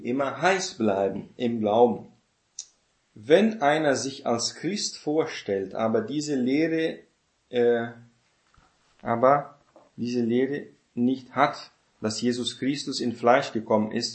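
A man's voice: fairly low pitch, darkish tone. A man giving an informal Bible teaching, talking conversationally, repeating his phrases for emphasis, asking rhetorical questions and often tagging "ne?" onto them. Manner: conversational, often adds "ne?" as a tag. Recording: echoey room.

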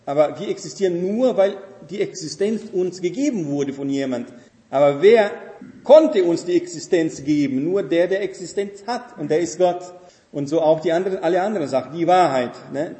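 In an echoing hall, a man leads a Bible study, walking through the material one step at a time. He often pauses to ask "ne?" or "versteht ihr?" to make sure people follow, speaking in a warm voice that sits a little high.

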